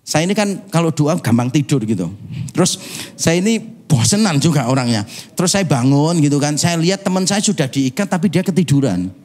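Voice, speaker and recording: A man from Indonesia preaching a sermon as pastor, telling animated, humorous stories and mimicking other people's voices. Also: fairly high pitch, brisk. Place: church.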